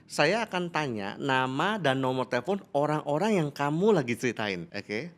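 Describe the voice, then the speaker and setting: A male business coach talking through a podcast chat, his pitch swinging freely up and down as he explains. He often laughs mid-sentence and slips into little acted-out exchanges to make his point. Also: sing-song, moderate pace. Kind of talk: podcast conversation.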